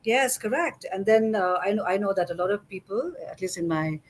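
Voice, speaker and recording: A woman's voice: mid-range voice, animated, brisk, a little hiss or hum. A middle-aged woman hosting a casual interview chat, talking in a chatty way with many fillers and restarts. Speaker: host.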